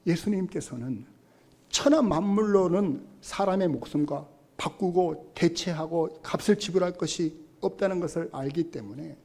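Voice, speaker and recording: Male pastor, storytelling sermon, acts out voices, slightly high voice. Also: moderate pace, darkish tone.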